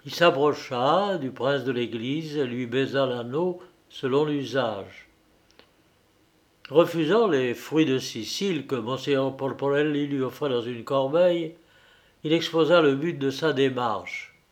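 Slow, measured male story reader. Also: mid-range voice. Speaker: audiobook reader. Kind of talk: literary story reading.

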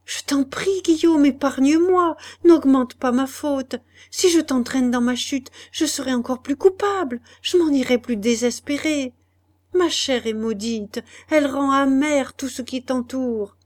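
A woman's voice: high-pitched, unhurried, a little mellow, pitched above the performer's own voice. A woman voicing a desperate young wife in an audiobook, reading her lines with strong emotion, pleading and harsh by turns.

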